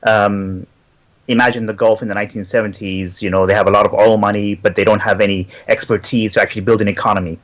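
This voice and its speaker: A man's voice: fairly low pitch, level tone, fast. A middle-aged man from Syria, a native Arabic speaker, answering interview questions and telling his story fluently with frequent "uh" fillers. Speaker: interview guest. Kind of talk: remote interview, conversational.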